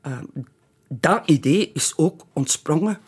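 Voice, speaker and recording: Woman, charity director, radio interview guest, slow, hesitant, slightly low voice. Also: expressive, darkish tone, husky. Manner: hesitant, many pauses.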